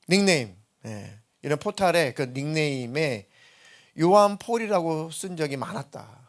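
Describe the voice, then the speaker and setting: Conversational storytelling preacher, slightly high-pitched man. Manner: conversational storytelling preaching, acts out quoted dialogue in a raised voice. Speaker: senior pastor. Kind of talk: sermon. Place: church sanctuary.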